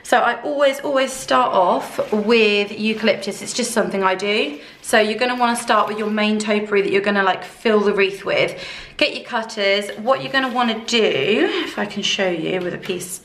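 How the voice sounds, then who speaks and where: A woman with a croaky voice, chatting casually through a craft tutorial with many fillers. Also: medium pitch, normal speed, fairly bright tone, slight background noise. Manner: rambling, conversational, many fillers. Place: room at home under ceiling spotlights. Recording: echoey room.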